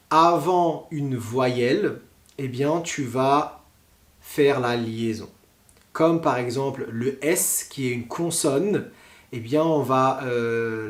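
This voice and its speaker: A man with a French accent teaching pronunciation, talking slowly and deliberately with many hesitations. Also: mid-range voice, reverberant. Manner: slow, deliberate, with frequent hesitations.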